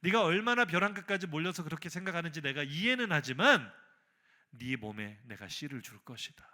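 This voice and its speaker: A man voicing God as a calm, fatherly figure who speaks gently and reassuringly. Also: on the high side, full character voice. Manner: gentle, measured, soothing.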